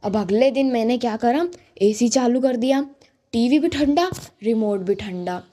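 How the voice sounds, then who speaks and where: A teenage girl from India performs a stand-up monologue, chatty and exasperated. Her voice sits high yet sounds mellow and soft. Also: a little slow.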